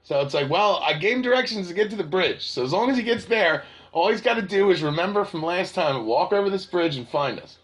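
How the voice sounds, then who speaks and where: A man's voice: high-pitched, brisk, few pauses, rough recording. A man hosting a podcast in casual chat, telling stories with quoted voices. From Pennsylvania. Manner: animated storytelling with quoted voices. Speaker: podcast host.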